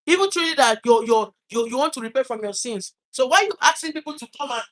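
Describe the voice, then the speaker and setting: A man with a Nigerian accent tells a painful personal story in an earnest, halting way. He often repeats and restarts his words while trying to hold back tears. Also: very high-pitched, animated, a bit bright. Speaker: vlogger telling a personal story.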